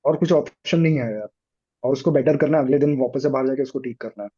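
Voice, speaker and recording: A man talks through practical dating advice in a casual podcast chat. His voice is darker and mellow, and he switches between Hindi and English. The audio is dull and lo-fi, as if the high end has been cut. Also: fast talker, slightly rough.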